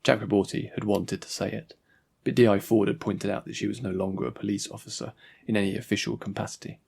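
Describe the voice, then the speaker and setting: A man giving measured, scripted narration of his own audiobook story as its author and narrator. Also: fairly low pitch, level tone, gravelly, a little mellow, slightly rough.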